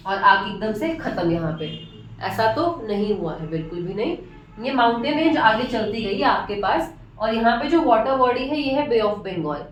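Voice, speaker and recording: A woman's voice: a little high, a little hiss or hum. A woman teacher lecturing at a board, repeating key terms and asking and answering her own questions. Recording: echoey room from far off.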